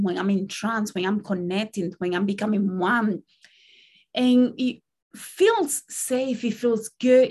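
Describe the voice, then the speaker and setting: A woman speaking earnestly about spiritual doubts in a reflective vlog, gently asking the viewer questions, her voice starting to give out. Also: medium pitch. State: losing her voice. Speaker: spiritual content creator.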